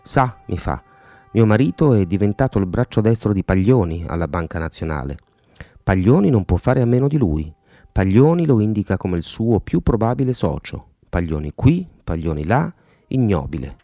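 A man's voice: very animated, moderate pace, dark tone, dry recording, clean studio sound. A man reading aloud and voicing a scornful, jealous middle-aged mother who gossips with sarcasm in an audiobook. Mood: gossipy scorn. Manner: shrill, sarcastic, spiteful gossip. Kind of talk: audiobook character voice.

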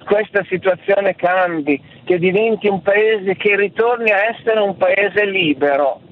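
A man in his seventies calling in to a radio show over the phone, speaking earnestly and repeating key phrases slowly. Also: high voice. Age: 70s. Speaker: radio call-in listener. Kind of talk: impassioned phone-in comment. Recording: tinny phone line with faint noise.

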